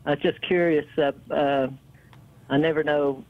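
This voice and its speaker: A man calls in over a thin, narrowband phone line with an East Tennessee Appalachian drawl. His voice sits fairly high, and he chats casually. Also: steady tone, moderate pace. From East Tennessee, United States. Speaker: call-in caller.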